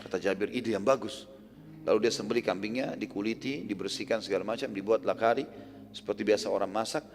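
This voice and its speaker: A man's voice: fairly low pitch, fast talker, darkish tone. A male preacher retelling a story in a sermon, casual and explanatory, who acts out the quoted lines. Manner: colloquial and explanatory, with casual fillers; acts out quoted speech with raised voice. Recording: long hall reverb.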